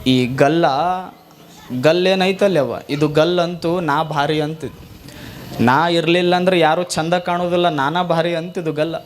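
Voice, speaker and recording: High-voiced North Karnataka preacher. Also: male voice, measured pace, slight background noise. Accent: North Karnataka Kannada. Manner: animated storytelling, rhetorical questions. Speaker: spiritual teacher. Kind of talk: sermon with storytelling.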